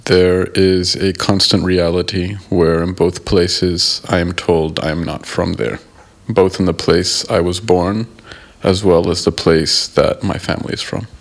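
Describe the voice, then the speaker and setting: A man from the United States, a guest in an interview, answering in a thoughtful, measured way and pausing to rephrase. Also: low voice, fairly even intonation, vocal fry. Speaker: guest, member of an art collective.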